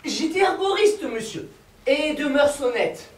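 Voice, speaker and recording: Stage farce: male actor as a pompous formal husband, high-pitched, roomy distant sound. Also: big pitch swings, unhurried, a little hiss or hum, heavily acted. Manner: stiff, ceremonious, formal. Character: pompous middle-aged male husband, former herbalist. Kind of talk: live stage comedy performance. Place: theater stage.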